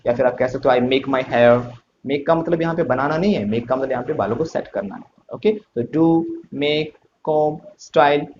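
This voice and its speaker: A man's voice: mid-range voice, a little mellow, dull audio, a little hiss or hum. A male English teacher giving a spoken lesson, explaining phrases step by step, repeating them and asking the class questions.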